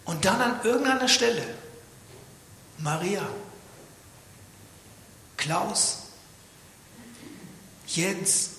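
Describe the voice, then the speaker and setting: Man, sermon, high bright voice, dramatic, drops to whispers, echoey hall with long reverb. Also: lively intonation, very slow, long pauses, slight background noise. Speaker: preacher. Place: church.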